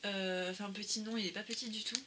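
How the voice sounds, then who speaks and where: A woman talks casually about her craft purchases, pausing often with fillers and restarting her sentences. Her voice sits at an ordinary pitch, and clear background noise with occasional clicks runs under the recording. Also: fairly even intonation. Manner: hesitant, many "euh" fillers and restarts. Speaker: craft vlogger. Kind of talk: casual haul video.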